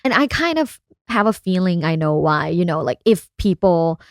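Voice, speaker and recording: A woman's voice: lowish voice, very animated, normal speed, no room sound, clean studio sound. A woman from Thailand, a sex researcher, talking openly and casually as a podcast guest, often laughing. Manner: frank and open, laughs often. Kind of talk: casual interview chat.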